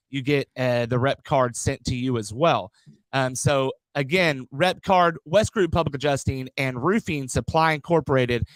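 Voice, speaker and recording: A man in a podcast studio runs through sponsors and welcomes his guest with a lot of energy, stumbling over his words now and then. His somewhat high voice sounds dry and close, with almost no room echo. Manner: hype-driven, repeats words, stumbles on them. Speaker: podcast host. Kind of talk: podcast hosting, reading sponsor mentions.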